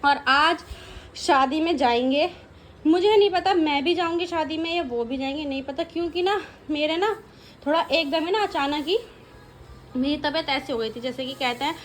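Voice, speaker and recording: A woman's voice: normal speed, a little hiss or hum, low-quality recording. A young woman vlogging casually at home, talking in a rambling, chatty way to her viewers. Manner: chatty, rambling, switches to high baby talk with her toddler. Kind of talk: casual home vlog chat.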